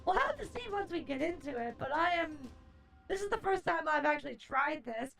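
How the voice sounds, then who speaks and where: Very high, creaky woman streamer, playful horror-host flair. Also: big pitch swings, a little fast, a bit bright. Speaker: livestream host, VTuber-style streamer. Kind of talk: theatrical horror-host greeting turning to casual stream chat. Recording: music behind the voice.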